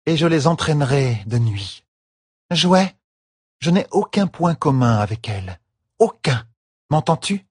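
A man's voice: fairly high pitch, sing-song, unhurried, pauses often, slightly rough, dry recording, studio quality, voice pushed up, heavily acted. A man voicing an imperious young noblewoman in an audiobook, giving clipped, haughty orders. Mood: commanding. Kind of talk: audiobook character voice.

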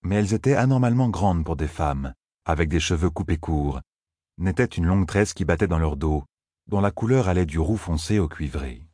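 A man narrating an audiobook in a steady, measured reading voice. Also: deep voice, breathy edge, dry recording, clean studio sound.

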